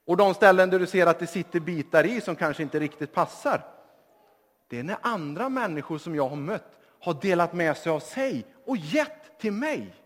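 A man preaching a sermon and telling a story to his congregation, speaking in a lively, engaging way. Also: high-pitched. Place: church hall. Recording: church hall reverb.

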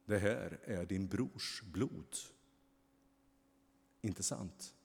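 A man voicing a grave, stern angel who speaks slowly and deliberately in a low voice. The words linger in a long hall reverb, like a storybook read in a church. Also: vocal fry, darkish tone, husky, full character voice. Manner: slow, measured, grave. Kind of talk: storybook reading.

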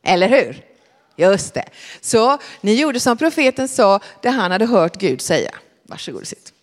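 A woman telling a Bible story to children in a large hall, often asking them questions. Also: medium pitch. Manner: animated, questioning the listeners.

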